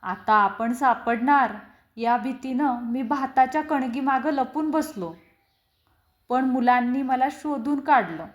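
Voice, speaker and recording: A woman reads a story aloud with a high voice and an unhurried, expressive delivery. The recording has a roomy echo around her. She shifts her tone to act out the story. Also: highs cut off. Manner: slow, expressive, acts out quoted lines. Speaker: story reader.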